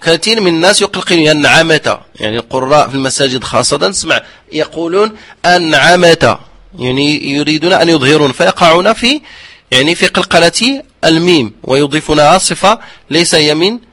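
Guy teaching tajweed, a bit high-pitched, keeps asking if everyone got it. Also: animated, a bit bright. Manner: checks understanding with repeated questions; slowly drawn-out demonstrations of pronunciation. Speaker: Quran recitation teacher. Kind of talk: explanatory religious lesson.

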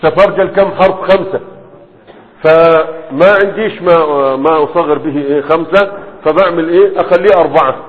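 A man teaching a class in a lecture style, constantly checking understanding with quick questions to his students. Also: on the high side. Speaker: teacher of Arabic morphology. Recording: tinny phone-like sound with long hall echo.

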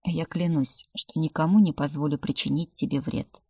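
A woman reading the lines of a stern male demon prince husband in an audiobook, speaking quietly, low and seriously. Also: fairly even intonation, normal speed, slightly rough, no room sound, clean studio sound.

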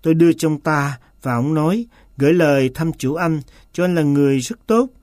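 A man's voice: a little high, a little fast, a little mellow, no echo, close to an everyday voice. Sulky servant for an audiobook, stubborn and evasive, read by a man, dry close sound. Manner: stubborn, insistent denials. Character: sullen, evasive male manservant.

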